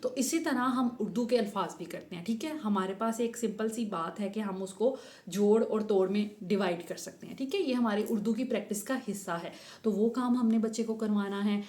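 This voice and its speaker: A woman's voice: medium pitch, moderate pace, darkish tone. A woman teacher walks parents through Urdu spelling in a patient home-tutorial way. She breaks words into their letters and checks in often, mixing English terms into her explanations. Her voice carries a noticeable echo from the room.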